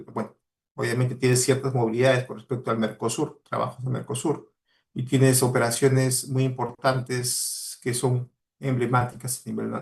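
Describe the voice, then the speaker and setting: A man from Peru, a mining professional appearing as a guest speaker, gives students a motivational talk in a Peruvian Spanish accent. His mid-range voice is creaky with a darkish tone, and he speaks earnestly and exhortingly, repeating key words for emphasis.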